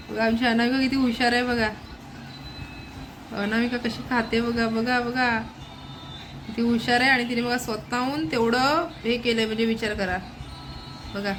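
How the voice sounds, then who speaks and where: A woman's voice: fairly high pitch, noisy background. A young woman filming a casual family vlog at home on a phone, chatting to viewers and pointing things out as she goes. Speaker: family vlogger. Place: small home indoors.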